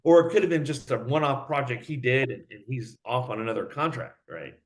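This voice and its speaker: Animated man, company head on a business interview, mid pitch, lively. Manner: animated, fast, acts out quoted voices. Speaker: guest, company CEO.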